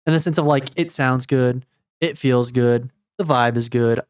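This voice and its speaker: A relaxed man in his thirties chatting casually about an album, with a middle-pitched voice. He wanders through his thoughts with plenty of fillers and easygoing asides. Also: moderate pace, smooth. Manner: laid-back, rambling with fillers. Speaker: podcast co-host. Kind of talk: casual music review chat.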